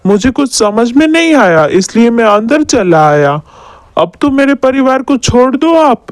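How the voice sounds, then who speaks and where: A woman's voice: fairly high pitch, very animated, unhurried, dry recording. A woman voicing an anxious village boy. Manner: pleading, anxious. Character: worried young village boy.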